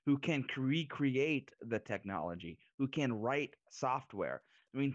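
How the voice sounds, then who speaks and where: A man's voice: mid-range voice, dry recording, dull audio. A man co-hosting a casual political podcast, talking emphatically and repeating words as he builds a point. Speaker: podcast co-host.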